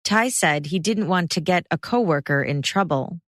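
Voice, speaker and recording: A woman host reading a scripted true-crime narration in a measured, steady way. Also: on the low side, dry recording, clean studio sound. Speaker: podcast host.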